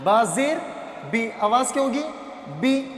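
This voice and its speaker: A man teaching a Quran reading primer, drawing out syllables in slow chant between quick explanations and asking then answering his own questions. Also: extremely high pitch, animated, fairly bright tone, roomy sound, in a large hall, slight background noise.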